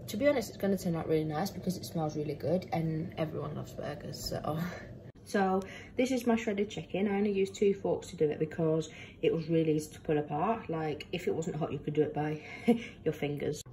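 A young woman who does cooking vlogs chats casually into a phone propped close by, the camera moving around as she cooks. Her voice is low, dark and fairly quick, full of fillers and self-corrections as she rambles, with kitchen noise in her home kitchen and poor audio.

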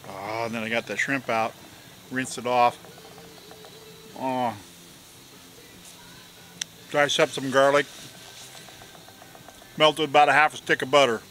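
A man chats loosely to the camera at his campsite, his voice bright and forward. He rambles along with plenty of fillers and half-finished thoughts, with a faint hum of insects and outdoor air behind him. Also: mid-range voice, slow, long pauses. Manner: relaxed, rambling, with filler sounds and trailing off. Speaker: outdoor cooking vlogger. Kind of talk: casual chat while eating.

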